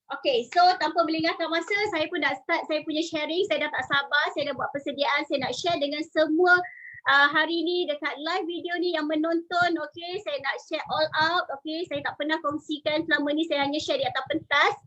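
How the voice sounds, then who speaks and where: A woman in her forties with a Malaysian Malay accent, a salon owner giving an energetic live-stream talk and urging her viewers to join in, with English phrases mixed in. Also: sits high, a little fast, muffled recording. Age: 40s. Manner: energetic, urges the audience, mixes in English phrases.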